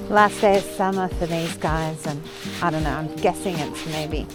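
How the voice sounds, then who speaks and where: A woman's voice: low voice, steady tone, moderate pace, poor audio. Chatty woman hiking outdoors. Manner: chatty, upbeat, giggly. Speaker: travel vlogger. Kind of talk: casual vlog chat. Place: outdoors on a mountain hiking trail. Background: background music.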